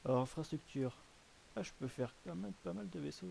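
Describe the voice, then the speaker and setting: A man's voice: on the high side, expressive, brisk, creaky, a little mellow, slight background noise. A man hosting casual gameplay commentary on a browser game, rambling and hesitant, often correcting himself. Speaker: host presenting a browser game.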